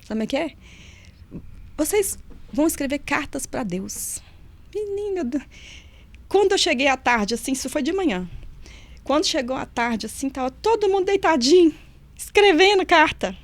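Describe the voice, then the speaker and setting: Lively woman telling stories. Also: high-pitched, normal speed. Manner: lively storyteller who acts out quoted voices. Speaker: nutritionist and former prison officer, guest. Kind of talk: storytelling in a casual interview.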